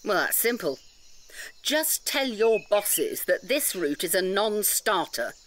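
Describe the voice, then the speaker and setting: In an audio drama, an actress plays an indignant, articulate defender of a nature sanctuary, sounding defiant, challenging and emphatic. Her medium-pitched female voice moves slowly with big pitch swings, over a little hiss or hum.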